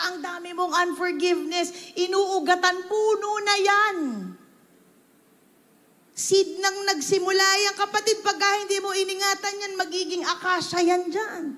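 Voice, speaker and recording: A woman's voice: high-pitched, a bit bright. A woman pastor preaching a sermon that mixes English and Filipino, with emphatic delivery and rhetorical questions to the congregation. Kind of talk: Taglish sermon. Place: large church hall. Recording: long hall reverb.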